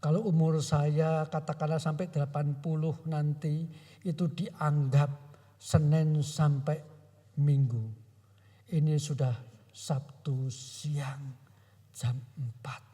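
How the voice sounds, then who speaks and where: Old pastor guy in his 70s preaching, husky voice, long echo off a big church hall. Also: a little high, little pitch movement, slow pace. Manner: shifts between hushed retelling and raised preaching. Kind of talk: storytelling sermon. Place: church sanctuary.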